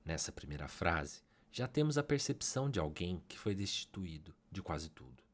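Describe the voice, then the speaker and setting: Speaking with a Brazilian Portuguese accent, a man narrates a scripted literary analysis in a measured, academic manner. His voice is low and sing-song, and his emphasis rises on the key ideas.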